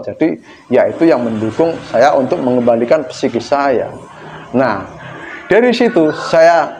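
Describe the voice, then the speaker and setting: A man's voice: medium pitch, a little mellow, slight background noise. A middle-aged man casually telling a personal story, chatty and joking with frequent laughter. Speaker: vlogger sharing personal recovery story. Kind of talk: casual monologue.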